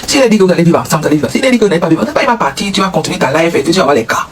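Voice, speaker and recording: A man's voice: on the high side, expressive, racing, crowd noise. A man with a Cameroonian French accent giving comic advice, acting out little dialogues and sound effects. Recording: noisy recording.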